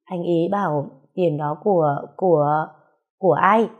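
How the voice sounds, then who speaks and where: A woman's voice: lowish voice, measured pace, highs cut off. A woman reading a story aloud, voicing a shy, anxious young woman who talks hesitantly. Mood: worried. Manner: hesitant, soft, stammering.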